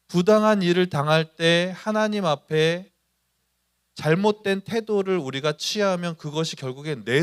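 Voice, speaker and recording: Lively man preaching to students. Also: a little high. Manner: animated, acts out quoted voices, asks the congregation questions. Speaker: pastor. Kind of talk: youth service sermon.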